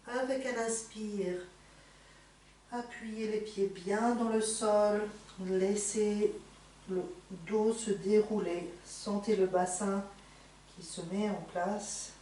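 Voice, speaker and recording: A woman teaching yoga in a soothing, unhurried, gently encouraging manner, giving slow guided instructions. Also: mid-range voice, steady tone. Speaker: yoga teacher leading a morning class. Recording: echoey room, distant mic, faint noise.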